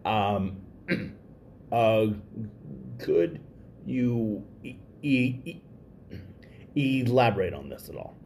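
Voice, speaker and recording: A man's voice: on the low side, very animated, extremely slow, long pauses, darkish tone, a little hiss or hum. A man hosting a podcast interview, speaking with a heavy stutter, repeated sounds and many fillers. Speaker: podcast host. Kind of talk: conversational interview.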